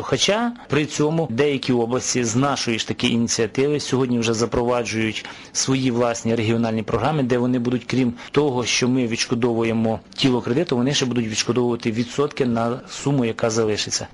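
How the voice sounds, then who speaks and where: A man in the role of a government official walks listeners through a state support program. His delivery is measured and explanatory, pausing now and then on a filler as he lays out each step. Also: medium pitch.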